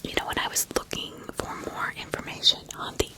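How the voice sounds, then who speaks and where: Whispering at a brisk clip, this ASMR host delivers true-crime commentary in a breathy, unvoiced way. Her tone is conversational, marked by emphatic repetition.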